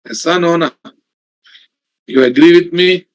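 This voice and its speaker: Man, Telugu Indian accent, programming instructor, slightly high pitch, slow repetitive dictation, frequent check-in questions. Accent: Telugu Indian English. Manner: repeats phrases, checks students with questions.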